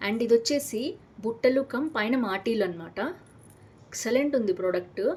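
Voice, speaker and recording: Fast-talking chatty Telugu woman vlogger. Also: fairly high pitch, darkish tone, a little hiss or hum. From Hyderabad, India. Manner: chatty, enthusiastic, mixes English words into Telugu. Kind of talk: casual product unboxing vlog.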